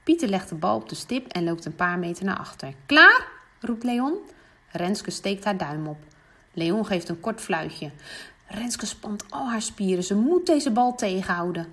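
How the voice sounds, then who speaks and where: A woman reads a children's story aloud in an even storytelling voice. She jumps up high and loud whenever the children in the tale call out. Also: normal speed, breathy edge. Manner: lively, voicing the children with bright high calls.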